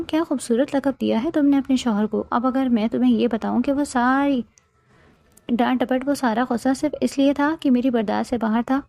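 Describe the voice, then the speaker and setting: Woman reading as a possessive young husband, intense and teasing, mellow and fairly high in her own voice, dry close sound. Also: vocal fry, dry recording. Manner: intense, then playfully teasing.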